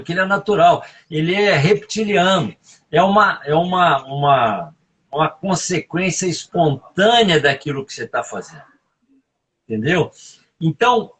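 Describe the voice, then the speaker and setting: Emphatic husky man coaching. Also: on the high side, fairly bright tone. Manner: emphatic, coaching, fond of tag questions. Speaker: guest speaker on leadership. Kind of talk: live video interview.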